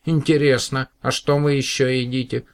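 Storybook alien: a tiny proud plant from space, a man doing the voice, formal like a little old man, pitched up. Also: little pitch movement, moderate pace, natural voice.

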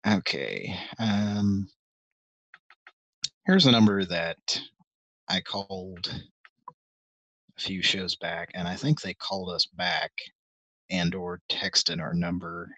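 Low-pitched and creaky, this middle-aged host of a live call-in stream speaks slowly with lively intonation, a bright, forceful tone, and long pauses. He meanders through casual chat, hesitating, saying um, restarting, and making wry jokes at his own expense. The dry recording has its highs cut off.

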